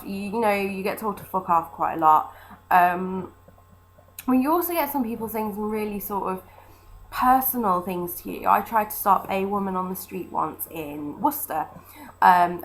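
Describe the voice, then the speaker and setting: A British former street fundraiser chats informally about her work experience, thinking aloud in a casual monologue. Her mid-range voice is a bit bright with vocal fry, and the audio is poor with noticeable background noise.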